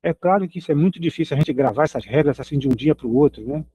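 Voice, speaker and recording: A man's voice: on the high side, fast, dark tone, a little hiss or hum, rough recording. A man teaching a recorded Hebrew grammar lesson, patiently repeating each example word.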